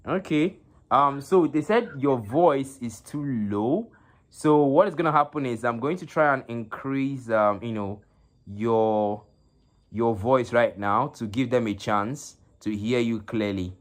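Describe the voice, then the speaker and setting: Halting male esports stream commentator. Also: medium pitch. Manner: halting, with many fillers and repeated words. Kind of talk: live stream game commentary. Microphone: phone.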